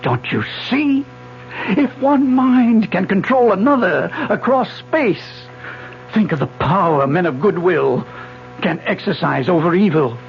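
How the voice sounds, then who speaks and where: In a muffled old 1970s radio broadcast with music, an actor plays a retired older physics professor who lectures with obsessive, urgent insistence. His high, expressive voice is gravelly and fully in character, moving at a measured pace.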